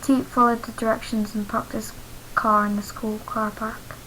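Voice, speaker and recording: Woman reading fanfiction in a flat voice. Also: on the high side, normal speed, a little hiss or hum, poor audio. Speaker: fanfiction reader. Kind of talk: amateur story reading.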